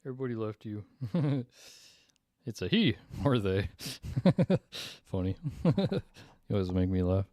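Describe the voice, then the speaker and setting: A relaxed man chatting on a livestream, often breaking into laughter. His voice sits a little low and sounds dark and mellow. The sound is dry and close, with no room echo. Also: a little slow, lo-fi sound. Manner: laughs often, talks to his dog in a soft coaxing baby voice. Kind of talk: casual livestream chat.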